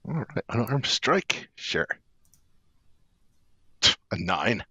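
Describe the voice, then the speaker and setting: A man's voice: on the low side, big pitch swings, drawn-out words, pushed and bright, husky, dry recording. A man playing a tabletop game, casually narrating his moves.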